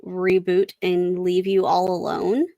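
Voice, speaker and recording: A woman's voice: lowish voice, completely flat delivery, takes it slowly, vocal fry, dark tone, no room sound, highs cut off. A woman co-hosting a casual live stream, talking in a dry, self-mocking way over a mic that crackles and distorts. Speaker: stream co-host. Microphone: computer mic on a live stream.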